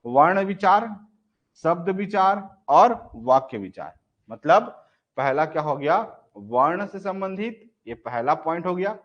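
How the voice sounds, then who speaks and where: A man's voice: fairly high pitch, lively intonation, a little slow. A male teacher giving a live online exam-prep class, asking questions and answering them himself and repeating key points. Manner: repeats key points, often says "ठीक है". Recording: dull lo-fi recording.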